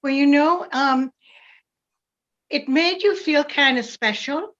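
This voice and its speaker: Older Jamaican woman, calm reflective voice. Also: sits high, slow, dull audio. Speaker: parishioner guest. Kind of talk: casual interview.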